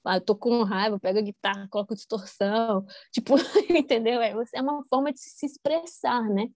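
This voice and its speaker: A woman's voice: fairly high pitch, a little fast, a little mellow, no echo. A woman, talking casually as a musician guest, rambling with many fillers and restarts. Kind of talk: casual conversation.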